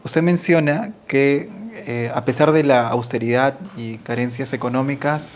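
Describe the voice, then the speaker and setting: A man hosting an interview, asking measured, reflective questions. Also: mid-range voice, slight background noise.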